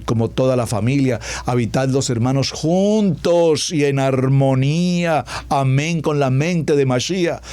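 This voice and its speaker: A man preaching a radio sermon as pastor, stacking words into lists and slowing down to stress key words. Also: mid-range voice, mellow.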